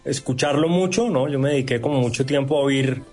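A man's voice: medium pitch, a little fast, a little mellow, soft background music. A man, a guest actor, talking casually in an interview, hesitant and full of filler words.

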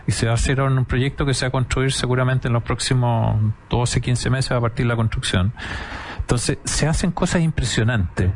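A man's voice: medium pitch, moderate pace, a little hiss or hum. A man with a Chilean accent hosting a conversational interview, talking in an enthusiastic, emphatic, rambling way.

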